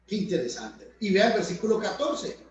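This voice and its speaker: A man's voice: high-pitched, big pitch swings, moderate pace, muffled recording. A man preaching a sermon, emphatic, addressing his listeners as brothers and friends. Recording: very echoey room, voice from far off.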